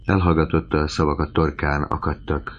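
A man narrating a classic novel in a measured, solemn way. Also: a bass voice, flat delivery. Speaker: audiobook narrator. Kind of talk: scripted narration. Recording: slightly muffled lo-fi recording.

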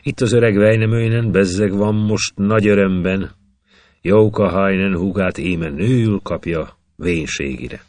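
A man reading an epic poem aloud in measured, rhythmic verse. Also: low voice, a little mellow, no echo. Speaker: reader.

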